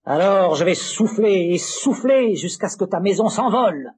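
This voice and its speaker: A man's voice: extremely high pitch, sing-song, a little slow, slightly rough, pitched above the performer's own voice, heavily acted. A man voicing a sly, hungry big bad wolf in a storybook record with music. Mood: menacing.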